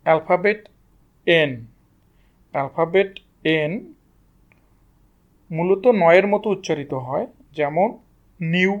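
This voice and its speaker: A man's voice: on the high side, slow pace, long pauses, dull audio. A man teaching English pronunciation to students, asking questions and answering them himself. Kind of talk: explaining lesson to students.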